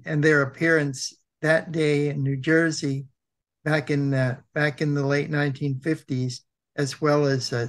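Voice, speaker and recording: Halting American man with a sore throat. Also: medium pitch. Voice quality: thick sore-throat voice with frequent throat clearing. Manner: halting, hesitant, with many pauses and repeats. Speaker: co-host of a web program. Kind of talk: informal presenting and reading aloud.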